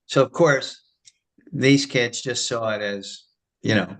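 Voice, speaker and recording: A man, a retired schoolteacher, leading a spiritual class and telling a story in a casual, animated way. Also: mid-range voice, takes it slowly, poor audio. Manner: animated storyteller, acts out quoted voices. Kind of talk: casual storytelling after a lecture.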